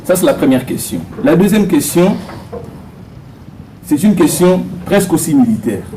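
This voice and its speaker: Congolese man, soldier at a public meeting, insistent questioner, higher mellow voice. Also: very animated, normal speed, a little hiss or hum, low-quality recording. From Democratic Republic of the Congo.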